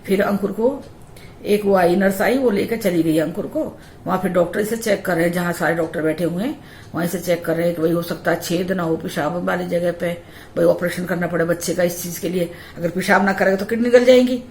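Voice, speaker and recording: A woman's voice: fairly low pitch, a little fast, a little mellow, roomy sound, a little hiss or hum. A young adult woman vlogger telling a personal story in a chatty, repetitive way. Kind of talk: casual storytelling.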